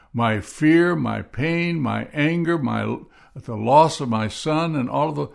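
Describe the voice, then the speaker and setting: A middle-aged man teaching on a devotional podcast, earnest and reflective, reading scripture slowly. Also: mid-range voice, gravelly. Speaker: podcast preacher.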